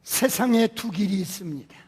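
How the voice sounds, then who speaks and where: A male pastor preaching a sermon, asking many rhetorical questions and swinging between quiet and loud. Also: high-pitched, animated, normal speed, husky. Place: church sanctuary. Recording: long church hall reverb.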